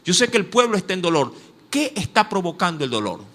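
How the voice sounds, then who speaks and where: A man's voice: sits high, sing-song, fairly quick, fairly bright tone. A man with an Ecuadorian Spanish accent preaching a sermon emphatically, with repeated direct address to his listeners. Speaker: pastor.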